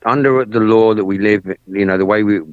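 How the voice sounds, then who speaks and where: A man's voice: on the low side, a little fast, clean tone, no echo. A man talking politics in a casual chat, blunt and full of swearing, often repeating himself. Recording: dry, dull lo-fi sound.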